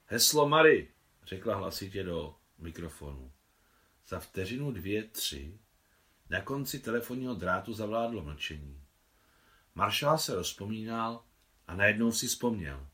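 Man, audiobook narrator, reading his translated novel, lowish voice, animated melody, expressive storytelling.

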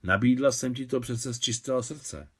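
A man reading the lines of a gentle, wealthy woman benefactor in a novel, softly and measuredly. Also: mid-range voice, husky. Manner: soft, measured.

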